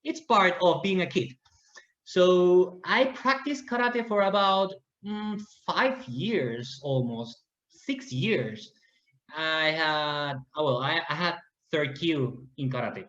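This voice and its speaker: A man's voice: on the high side, lively intonation, slow, a bit bright. A Peruvian man in his thirties, a native Spanish speaker, talking earnestly about his life as a guest in a casual interview, often restarting and searching for words. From Peru. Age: 30s. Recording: roomy, dull lo-fi audio.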